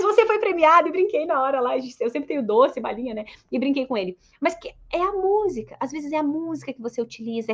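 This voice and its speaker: A woman psychologist giving a lively motivational talk to colleagues, telling stories and acting out her patients' lines. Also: high-pitched, muffled recording. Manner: storytelling, acts out patients' lines in a raised voice. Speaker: psychologist and course mentor.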